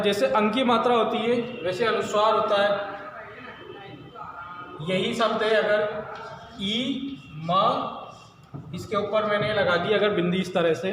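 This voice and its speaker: A man with a fairly high voice teaches at a blackboard, pausing to ask his class questions and then answer them himself. The room is strongly echoey, with a long reverb tail and faint background noise. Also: fairly bright tone. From India. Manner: explains slowly, asking and answering his own questions. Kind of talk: blackboard lesson.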